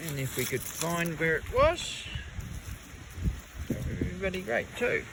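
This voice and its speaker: A fairly high-pitched, creaky voice with big pitch swings belongs to an Australian man speaking a little slowly as he metal detects in the rural bush goldfields. He's laid-back and salty, full of Aussie slang and the odd mild swear. Recorded on a camera mic outdoors, the background is noisy and windy at times.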